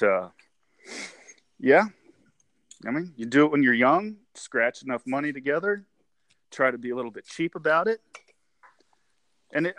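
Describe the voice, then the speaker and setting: A man's voice: medium pitch, a bit bright, dry recording. A man in his forties, a guest on a casual interview, rambling and repeating words, with frequent laughs. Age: 40s.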